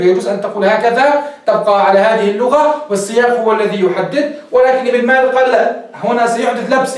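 A man who teaches a grammar lesson as a sheikh and keeps checking with his students, asking and answering his own questions. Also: high-pitched. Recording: echoey room, voice far from the mic.

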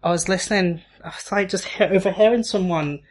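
A woman chatting as a podcast co-host. Her voice sits slightly low, and she laughs easily. She teases her friend while explaining things. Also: a little fast, darkish tone. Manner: laughs often, teasing, explains at length. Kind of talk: casual chat.

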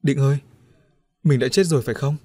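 A timid, anxious young friend in a storybook tale, voiced by a male reader. The voice rises higher and louder when calling out. The recording is dry and close. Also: fairly quick, husky, no echo, natural voice. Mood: frightened.

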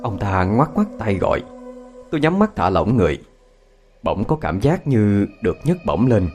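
A man's voice: fairly low pitch, big pitch swings, normal speed, darkish tone, soft background music. A man narrating a scripted ghost story in a dramatic, suspenseful way.

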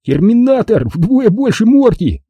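A man's voice: high-pitched, very animated, measured pace, breathy edge, dry recording, muffled recording, voice pushed up, full character voice. A man voicing a boastful, teasing young boy in a storybook reading, taunting his rival. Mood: bragging. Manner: bragging, taunting.

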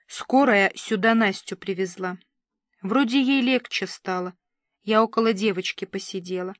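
A worn-out middle-aged woman, voiced by a woman reading a novel speaks bluntly and gloomily, as if tired from a sleepless night. Her voice sits at an ordinary pitch. The recording is dry and close. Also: moderate pace, dry recording, close to an everyday voice. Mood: gloomy. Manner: gloomy, matter-of-fact.

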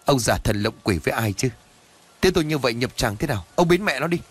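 Brief: man voicing a cocky young hothead in a horror storybook, rapid-fire, scornful, barks orders. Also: mid-range voice, lively intonation, slightly rough. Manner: fast, scornful shouting. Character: brash, fearless young man, rude and bossy.

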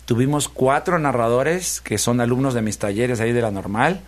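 A man, a radio host telling a children's story in a lively, repetitive rhythm. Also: mid-range voice, moderate pace. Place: radio studio.

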